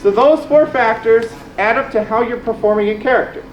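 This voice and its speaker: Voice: mid-range voice, brisk, dull audio. A panel host at a fan convention, talking to a live audience in a playful, teasing way and calling people up on stage. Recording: echoey room, faint noise.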